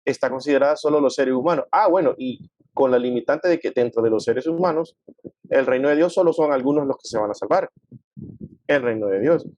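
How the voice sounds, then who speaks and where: A man explaining his views in a conversational discussion, acting out quoted people with lively voices. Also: medium pitch, a little fast, lo-fi sound, a little hiss or hum. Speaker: guest speaking on theology.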